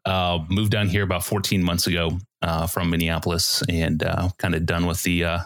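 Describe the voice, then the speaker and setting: Low-voiced guy chatting as a podcast guest, laid back and thoughtful. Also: moderate pace. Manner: relaxed, thoughtful, many fillers. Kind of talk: casual interview talk.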